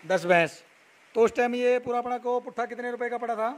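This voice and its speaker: A young man from Haryana, India, touring a buffalo shed at night and chatting as a dairy vlogger. He repeats numbers and names back and fills pauses with "a". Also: very high voice. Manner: repeats figures and names back, many "a" fillers. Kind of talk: casual walk-around video with interview.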